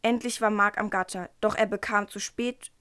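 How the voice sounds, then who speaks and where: A woman's voice: medium pitch, fairly even intonation, normal speed, a bit bright, clear, resonant tone, no echo, clean studio sound. A woman presenting a book and reading a passage from it aloud, in an earnest, careful way with small stumbles.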